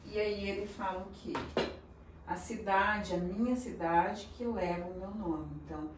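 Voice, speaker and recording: A woman slowly explaining Hebrew names, checking in with her listeners as she teaches. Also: mid-range voice, fairly even intonation, recorded from a distance, heavy background noise. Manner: slow, explanatory, often checks in with "tá?". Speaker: religious teacher. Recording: echoey room, voice a bit off-mic.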